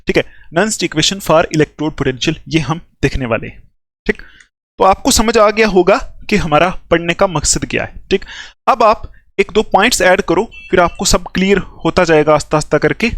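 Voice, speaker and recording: Male chemistry teacher, high voice, dry close sound, slow dictation, repeated check-ins. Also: fairly bright tone, no echo. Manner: repeats phrases slowly for students to copy, frequent "theek hai" check-ins. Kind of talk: classroom lecture with dictation.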